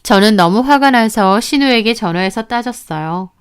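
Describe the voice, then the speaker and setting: A woman's voice: a little high, animated, normal speed, smooth. A woman narrating a first-person story in an aggrieved, recounting manner.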